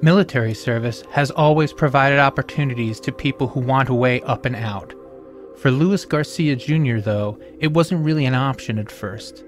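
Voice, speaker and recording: A man hosting a podcast, reading scripted documentary narration in a measured, solemn way with emphatic rises. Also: mid-range voice, faint music behind.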